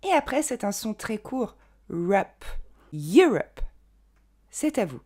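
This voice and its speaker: A young woman giving an online pronunciation lesson, carefully modelling each word slowly and clearly. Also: on the high side, animated, darkish tone. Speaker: English pronunciation teacher.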